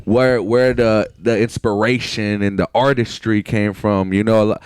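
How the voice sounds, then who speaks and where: A man hosting a podcast, loud and profane, with hype energy. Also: on the low side, steady tone, moderate pace, clear, resonant tone, dry recording, clean studio sound. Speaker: podcast host. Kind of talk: casual podcast chat.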